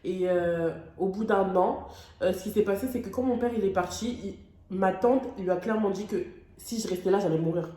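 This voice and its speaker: A woman's voice: mid-range voice, a little fast, warm tone. A young woman from France telling a personal story on her vlog, emotional and dramatic, with casual slang. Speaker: vlogger. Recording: echoey room.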